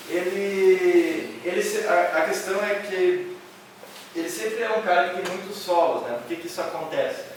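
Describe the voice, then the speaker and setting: Male instructor, loud and rambling, heard from afar in a very echoey hall. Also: on the high side, slight background noise. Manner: loud, nearly shouting, with many fillers and restarts. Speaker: music workshop instructor. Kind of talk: workshop explanation to students. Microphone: camera from a distance. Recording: echoey hall recorded from far off.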